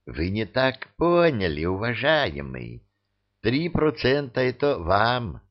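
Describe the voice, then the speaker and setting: A man voicing a round, beaming, smooth-talking male trader who wheedles and bargains, in a dull lo-fi audiobook recording. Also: mid-range voice, huge pitch swings, takes it slowly. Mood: persuasive. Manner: ingratiating, wheedling.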